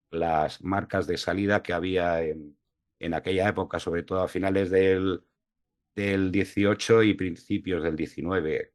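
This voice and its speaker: Low-voiced guy from la mancha lecturing online, lots of ums, video call mic. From La Mancha, Spain. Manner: hesitant, many fillers.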